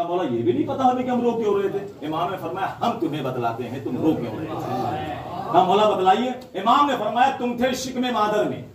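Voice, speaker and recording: Guy preaching a dramatic sermon, repeats lines for effect, echoey hall from far off. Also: on the high side. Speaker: majlis orator. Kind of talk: devotional sermon storytelling. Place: mourning gathering hall.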